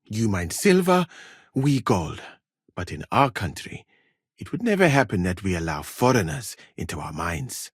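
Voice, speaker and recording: Musa of Mali, a deep, husky physician. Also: male voice, very animated, no echo, studio quality, full character voice. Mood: explaining, dignified. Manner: formal, measured, dignified, courteous. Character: learned, proud, courteous Malian physician at a medieval court. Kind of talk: video game character dialogue.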